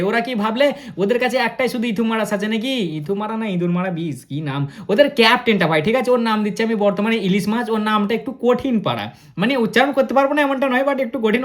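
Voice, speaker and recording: A man, talking fast and excitedly as he reviews a cricket match and speaks straight to his viewers. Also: very high-pitched. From India. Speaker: cricket vlogger.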